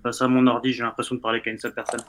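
Give me a casual, mid-pitched man. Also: completely flat delivery, racing, a bit bright, a little hiss or hum. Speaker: show columnist. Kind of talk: casual live presentation.

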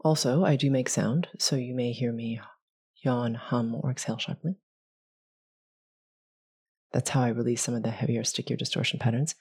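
A soft-spoken woman leading a guided meditation, speaking gently with long pauses. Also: extremely low pitch, fairly even intonation, breathy edge.

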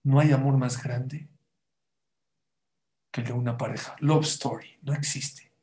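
A man's voice: mid-range voice, steady tone, a little slow, dark tone. A man giving a sermon as a rabbi, telling stories and asking the audience rhetorical questions.

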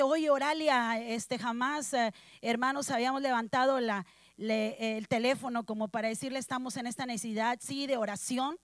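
Mujer predicadora de voz aguda. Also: female voice, fairly high pitch, no echo. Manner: addresses congregation as brothers, emotional storytelling. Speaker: preacher giving testimony. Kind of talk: sermon testimony.

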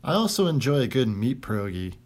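A man co-hosting a podcast, chatting casually with deadpan, wry asides. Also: medium pitch, brisk. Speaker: podcast co-host. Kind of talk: casual chat.

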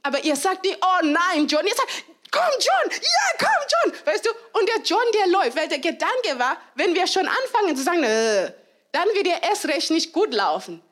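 A woman preaching a sermon, lively and given to laughter, acting out cheers and quoted voices and slowing down hard on key phrases. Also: very high-pitched. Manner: slows down for emphasis on key phrases.

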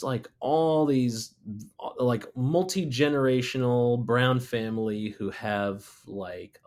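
A middle-aged man, a muralist, recounting a personal story in a relaxed, rambling way with many fillers and restarts. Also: mid-range voice. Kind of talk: casual spoken storytelling.

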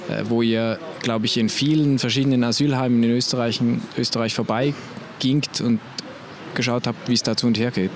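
A man interviewing a guest, asking questions and checking that he has understood. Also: mid-range voice. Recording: recorded outdoors with loud crowd and traffic.

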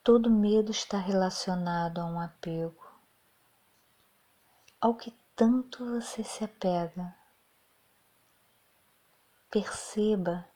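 A woman leading a guided meditation, speaking softly and soothingly, often half-whispering. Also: mid-range voice, takes it slowly, pauses often.

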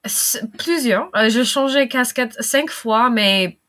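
A woman's voice: fairly high pitch, lively intonation, slow, a crowd in the background. A middle-aged American woman from the western United States, speaking French as a second language as an interview guest, hesitant with many fillers and frequent laughter. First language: English. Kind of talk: casual interview talk.

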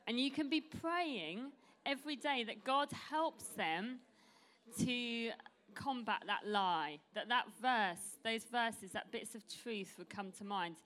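A woman's voice: on the high side, slow pace, fairly bright tone. A middle-aged woman preacher giving an informal, chatty, self-deprecating sermon to a congregation, pronouncing her R's as W's. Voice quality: cannot say her R's, says w for r. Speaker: church preacher.

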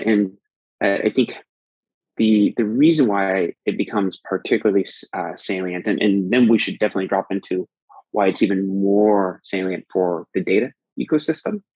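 A man's voice: fairly low pitch, a little mellow, slightly rough, dry recording, low-quality recording. A man as a podcast guest, explaining at length in a thoughtful way, often restarting sentences. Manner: thoughtful, frequent restarts and fillers. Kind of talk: conversational explanation.

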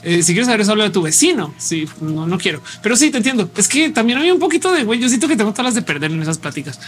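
A man's voice: sits high, very animated, rapid-fire. A man with a Mexican Spanish accent hosting a casual live show, thinking aloud in a conversational way and reading viewer comments.

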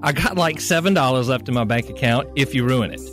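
A man's voice: medium pitch, a little fast, a bit bright, faint music behind. A man, a radio contestant, reading out a comic love letter with exaggerated inflection.

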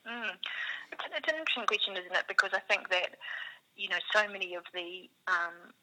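A woman with a New Zealand accent answers interview questions as a business co-founder, thoughtful and circling, her speech full of "you know." Her medium-pitched voice is a little fast, pushed and bright, and the audio is poor.

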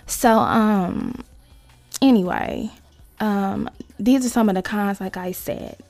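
A woman hosting a casual solo podcast, talking to listeners in slangy, sweary asides with creaky vocal fry. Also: medium pitch, takes it slowly, darkish tone, dry recording. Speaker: podcast host.

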